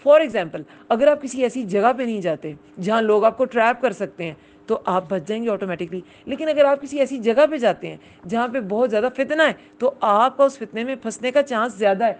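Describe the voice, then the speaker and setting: A woman's voice: a little high, expressive, hardly any pauses. A woman giving a religious lesson, explaining patiently and often asking her listeners whether they understood. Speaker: Quran teacher. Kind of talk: Urdu religious lesson with English words.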